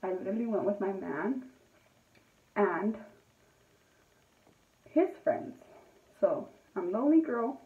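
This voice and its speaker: A woman's voice: mid-range voice, lively intonation, slow pace, long pauses. A woman telling a casual storytime while doing her makeup, emphatic and full of swearing, with Spanish words mixed in. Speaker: beauty vlogger. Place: indoors at night. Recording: tinny, roomy, distant from mic.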